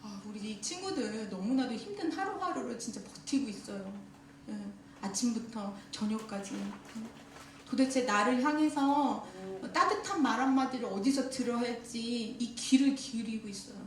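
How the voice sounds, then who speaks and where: A woman's voice: a little high, lively intonation, normal speed, slight background noise. A woman giving a talk at a church teachers' seminar, often questioning her audience and laughing as she speaks. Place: church hall. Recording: echoey hall, voice from far off.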